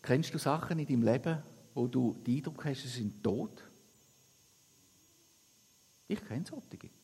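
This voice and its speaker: Husky-voiced preacher in an echoing church. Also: male voice, mid-range voice, expressive, unhurried, mellow. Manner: earnest, emphatic, repeats phrases. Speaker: pastor. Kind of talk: sermon with Bible reading and prayer. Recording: long reverb of a church hall.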